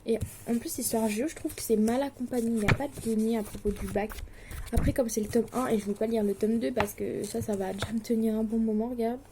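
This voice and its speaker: A woman's voice: on the high side, steady tone, fast talker, background noise. A young woman in her late teens, from Switzerland, chatting casually to the camera about her studies, hesitant and full of fillers, anxious and self-deprecating. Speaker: distance-learning student vlogger.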